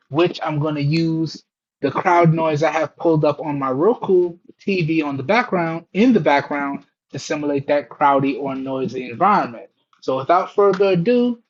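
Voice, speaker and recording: Guy doing a casual tech review, kinda high voice, folksy, muffled bluetooth earbud mic sound. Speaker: tech reviewer, channel host. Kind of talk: casual product test narration to viewers. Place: indoors at home. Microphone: wireless earbud microphones over Bluetooth.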